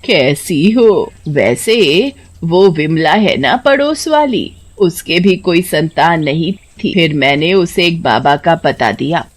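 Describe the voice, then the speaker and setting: A woman voicing a gossipy middle-aged neighbor in a cartoon, with a slow, drawn-out delivery. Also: lowish voice, expressive, slightly rough, heavily acted.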